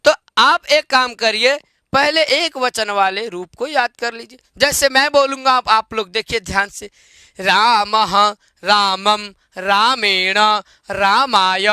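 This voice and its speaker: A male Sanskrit teacher giving an online grammar lesson. He repeats word forms, quizzes his students with questions and chants the declensions slowly in a sing-song way. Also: high voice, sharp tone, smooth, no echo, studio quality.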